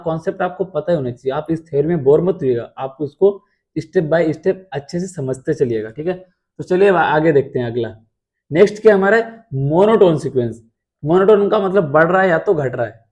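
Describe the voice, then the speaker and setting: A man's voice: a little high, a little mellow. A man teaching math in an explanatory lecture, asking rhetorical questions and answering them himself.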